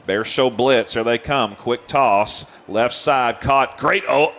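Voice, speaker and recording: A man calling high school football play by play, winded, laughing and chatty. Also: takes it slowly. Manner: excitable, laughs often, chatty. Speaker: play-by-play announcer.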